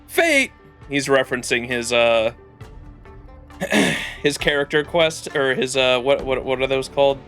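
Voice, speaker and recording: A man streaming a game with casual, reactive commentary. His voice is bright and forceful, his pace slow and his wording slangy. Soft game music sits behind him. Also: medium pitch, fairly even intonation.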